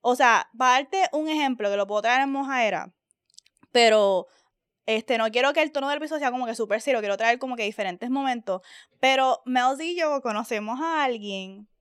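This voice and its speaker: A woman's voice: a little high, normal speed, fairly bright tone, clean tone, no echo, studio quality. A young woman with a Puerto Rican accent, co-hosting a podcast as casual chat, telling stories with animation and switching into English phrases. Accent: Puerto Rican Spanish. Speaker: podcast co-host.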